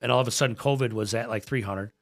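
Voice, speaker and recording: Chatting casually on a podcast, a gym owner and coach from America, in his forties, talks fast in a mid-range voice. He comes across as earnest and emphatic, frequently repeating what he says.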